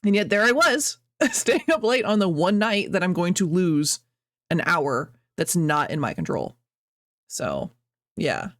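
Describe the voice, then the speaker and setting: A young adult woman streams casually from home, rambling, reading chat aloud, and laughing often, with birds audible outside. Her voice is fairly low, and the sound is clean and studio-like with no echo.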